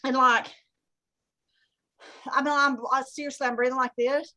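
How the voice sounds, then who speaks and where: A woman with a high, bright voice tells funny stories over a video call. She is animated, laughs often and puts her own thoughts into a squeaky high voice. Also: normal speed. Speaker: guest telling stories. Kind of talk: casual storytelling on a video call.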